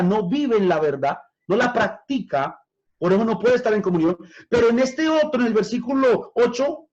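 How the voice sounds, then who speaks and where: A man with a notably high voice teaches scripture as a pastor, calling his listeners brothers and putting questions to them. He drags out key words slowly to press a point. The recording sounds dull and lo-fi. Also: darkish tone. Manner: addresses listeners directly as brothers, asks questions.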